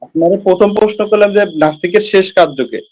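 A man's voice: high voice, fast talker, a little mellow. A man calling into a heated live debate, insistent and arguing from scripture. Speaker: debate caller. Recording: muffled lo-fi call audio.

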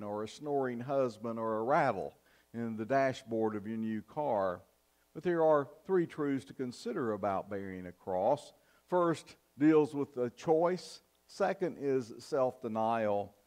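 An older pastor preaches a sermon from the pulpit of a church sanctuary, measured and earnest with emphatic pauses. His voice is medium-pitched and a little mellow, captured by a fixed camera at the back of the church.

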